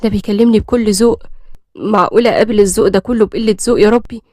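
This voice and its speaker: A woman with an Egyptian accent voicing a shy, nervous young bride who speaks softly and politely. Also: medium pitch, steady tone, rapid-fire, no room sound, clean studio sound, lightly acted. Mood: whispering worried. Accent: Egyptian Arabic. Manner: soft, hesitant, polite.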